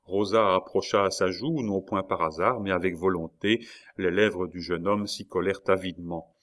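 A man with a fairly low voice reads a classic novel aloud as an audiobook. His narration is measured and expressive.

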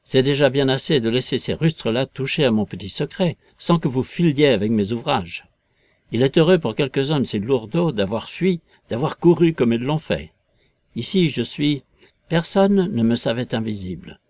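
A man's voice: mid-range voice, expressive, moderate pace, darkish tone, dry recording, close to an everyday voice. A man voicing a harsh, domineering invisible man. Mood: desperate. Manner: commanding, threatening, contemptuous.

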